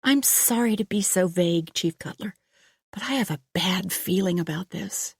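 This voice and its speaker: A woman's voice: lowish voice, moderate pace, gravelly, slightly rough, dry recording, studio quality, voice pushed up, heavily acted. A woman reading a concerned, careful female doctor in an audiobook, polite and earnest.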